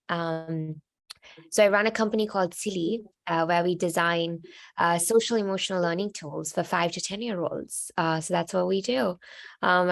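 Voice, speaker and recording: A young woman from Sri Lanka speaks casually on a panel, her low voice carrying a gravelly fry. She often pauses on ums and uhs as she talks over a laptop video call. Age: 20s. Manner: halting, with many ums and uhs. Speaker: alumna panelist.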